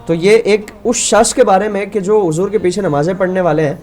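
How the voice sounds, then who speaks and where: A man's voice: sits high, steady tone, a little mellow, soft background music. A man as a religious scholar on a call-in show, earnestly telling a story and quoting its figures in his own voice.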